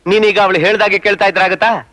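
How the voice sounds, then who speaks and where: A man's voice: sits high, fairly even intonation, fast, bright, forceful tone, no room sound. An actor playing a shrewd businessman and father who talks persuasively, in a film scene. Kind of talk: film dialogue.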